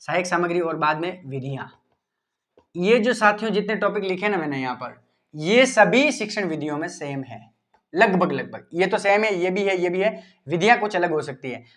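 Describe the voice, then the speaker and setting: Male teacher, fairly high voice, chatty repetitive study tips aimed straight at students. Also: animated, normal speed, a bit bright. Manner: informal, repetitive, addresses students directly. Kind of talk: exam-prep study advice lesson.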